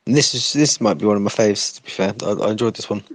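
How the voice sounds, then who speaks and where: A man's voice: fairly low pitch, quick pace, a crowd in the background. A man co-hosting a casual online chat, friendly and bantering, calling people mate. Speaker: co-host.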